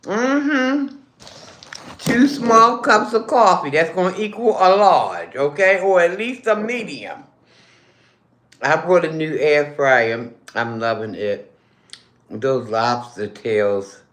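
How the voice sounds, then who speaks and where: Speaking slowly and expressively in a deep voice, a woman hosts a relaxed lunchtime livestream with a roomy sound. Between bites she hums, chats with viewers, and calls them baby and honey.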